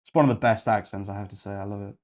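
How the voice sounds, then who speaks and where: His voice is fairly low, steady and a touch mellow, and he speaks at a racing pace on a lo-fi recording. He's a young Yorkshire man rambling casually through a coding livestream, thinking aloud while clicking around.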